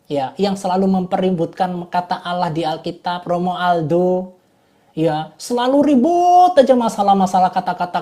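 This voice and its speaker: A woman's voice: on the low side, mellow. A woman teaching an online class in a casual, chatty way, often checking that her listeners follow. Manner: chatty, repeats "gitu loh" and "Bapak Ibu".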